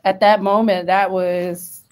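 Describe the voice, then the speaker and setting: A woman's voice: medium pitch, flat delivery, slow, clean tone. A woman in her thirties with a Detroit accent, discussing casually as a book club co-host on a video call. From Detroit, United States. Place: indoor room at home, video call. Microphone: computer mic on video call.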